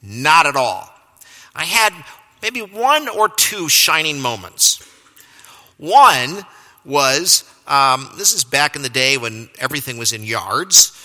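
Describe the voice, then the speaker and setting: Bright-voiced male preacher in a reverberant hall. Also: a little high, very animated, takes it slowly. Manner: self-deprecating storyteller, chuckles at himself. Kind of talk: sermon with personal story. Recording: long reverb of a large hall.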